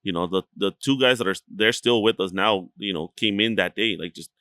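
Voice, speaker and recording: A man's voice: lowish voice, a little fast, pushed and bright, no room sound. A man from Chihuahua, Mexico, a restaurant co-owner talking casually as a podcast guest, rambling with lots of fillers and swearing freely.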